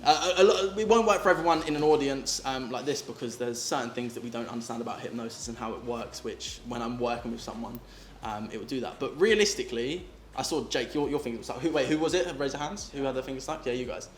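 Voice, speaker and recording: Male stage hypnotist, brisk and insistent, repetitive suggestions, recorded in an echoey room. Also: medium pitch. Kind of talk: live group hypnosis demonstration, repetitive suggestion. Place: echoey room before a live group. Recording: echoey room, some background noise.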